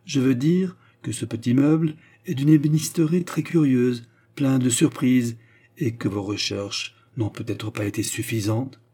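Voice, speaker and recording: A man voicing a composed, politely ironic French gentleman in a storybook reading, with a mellow, husky voice. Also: mid-range voice, a little slow, voice pushed up. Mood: calm courtesy. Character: calm, courteous French gentleman.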